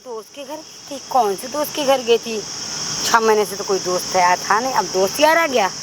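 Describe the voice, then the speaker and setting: A woman's voice: a little high, moderate pace, close to an everyday voice. A woman playing a cruel older mother-in-law, taunting and bullying her son's wife in a staged outdoor confrontation. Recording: outdoor noise, crickets and insects.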